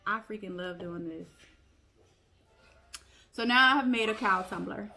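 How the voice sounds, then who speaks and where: A young woman chatting excitedly while making a crafting tutorial, calling viewers y'all. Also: mid-range voice, unhurried, gravelly, faint music behind. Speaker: crafting vlogger. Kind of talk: casual crafting tutorial chat.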